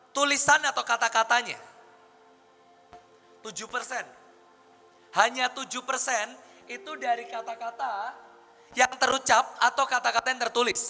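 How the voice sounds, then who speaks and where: Bright-voiced male pastor in an echoing hall. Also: extremely high pitch. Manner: lively, conversational preaching with rhetorical questions. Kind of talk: sermon teaching. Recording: long hall reverb with faint music.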